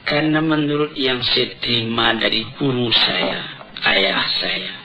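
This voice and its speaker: A man preaching a sermon on an old cassette tape recording, deliberate and emphatic, asking rhetorical questions. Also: medium pitch, lively intonation, gravelly, lo-fi sound.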